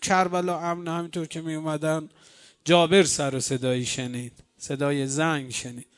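A man delivers a mourning sermon to a congregation in a high, clear voice. He tells the story steadily, in the manner of a storytelling preacher. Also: little pitch movement. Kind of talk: mourning sermon with chanted lament.

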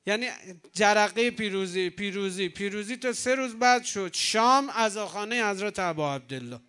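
A man's voice: high voice, lively intonation, sharp tone, clean tone. A man preaching a religious sermon from the pulpit, emphatic and rising to exclamations, retelling old dialogues.

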